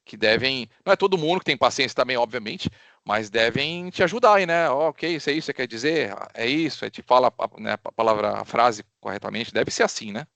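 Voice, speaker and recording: Animated Brazilian man hosting a podcast. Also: medium pitch, a little fast, creaky, no echo. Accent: Brazilian Portuguese. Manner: animated, laughing, rambling with fillers. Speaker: podcast host. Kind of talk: casual podcast interview.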